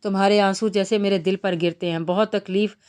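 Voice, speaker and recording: A woman's voice: medium pitch, fairly even intonation, a little fast, a little mellow, smooth, lightly acted. Woman reading as a teasing tender young major. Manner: teasing, affectionate.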